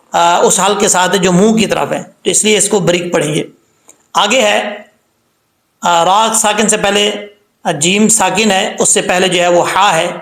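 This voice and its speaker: Man, high voice, recitation teacher, slow chanted verses, echoey room. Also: vocal fry, a bit bright. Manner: explains letter sounds, then repeats them drawn out and sung; says "ok" and "theek hai" between points.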